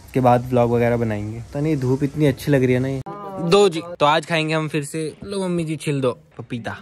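A man's voice: mid-range voice, darkish tone, a little hiss or hum. A man chatting easily to the camera as a vlogger, in casual vlog talk. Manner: chatty, easygoing, talks to camera. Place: sunny rooftop outdoors.

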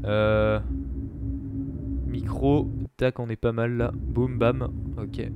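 A man hosting a live let's-play, chatting to his viewers and reacting excitedly to the game. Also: medium pitch, very slow, muffled recording, music in the background. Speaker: gaming streamer, host.

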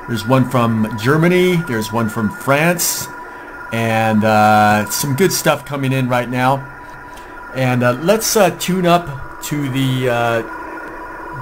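This amateur radio video host, an American man with a mid-range voice, walks through an informal hands-on demo at his radio desk at home, with shortwave signals and static audible clearly behind him.

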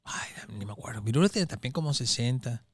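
A man's voice: medium pitch, fairly quick, slightly rough, dry recording. A man who does stand-up comedy, telling road stories in casual chat and acting out hecklers and crowd voices. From Chile. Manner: acts out crowd voices and hecklers, animated storytelling, heavy slang.

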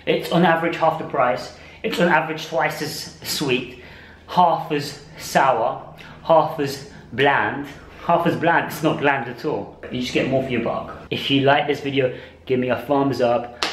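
A man's voice: fairly high pitch, echoey room, a little hiss or hum, low-quality recording. A man in casual vlog chat, enthusiastic and chatty, laughing often as he shows his shopping. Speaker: vlogger.

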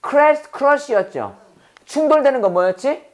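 A man teaching an English lesson in casual classroom style. He keeps asking questions and answering them himself, and he reads English phrases slowly and deliberately. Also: very high-pitched, animated.

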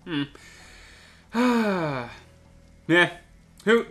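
A man's voice: sits high, animated, very slow, bright, forceful tone, faint music behind. Sarcastic man joking through a game. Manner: sarcastic, joking to himself, swearing. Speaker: gamer playing a video game. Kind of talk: casual let's-play commentary.

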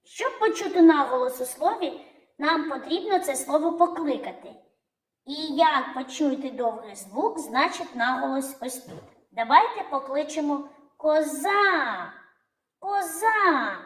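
A woman teaching young children, calling out words in a drawn-out sing-song way. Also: high-pitched, expressive, echoey room, low-quality recording. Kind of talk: children's lesson narration.

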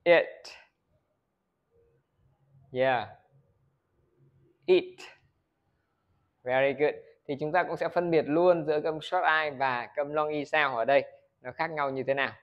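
A Vietnamese man teaches English pronunciation in a video lesson, his fairly high voice steady in intonation at a normal pace, with lo-fi sound. He poses questions to viewers, answers them himself and models words for them to repeat.

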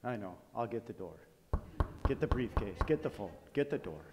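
A man's voice: on the low side, expressive, normal speed, natural voice. Man as blunt mob henchman, very noisy recording. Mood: grumbling. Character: dim, loyal mob henchman, dutiful, grumbling. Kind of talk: stage comedy acting.

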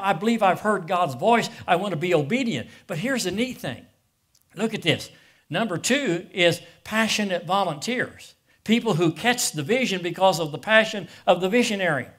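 A man's voice: high-pitched, fairly bright tone. A middle-aged man from preaching a sermon as pastor, emotional and passionate, often repeating words as he goes.

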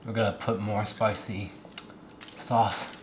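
A man's voice: on the low side, level tone, takes it slowly. A man in his twenties chatting casually in a home kitchen while eating spicy food, exclaiming and puffing as he goes. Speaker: mukbang challenge host. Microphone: camera a few feet away. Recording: echoey room, clinking dishes, clear noise.

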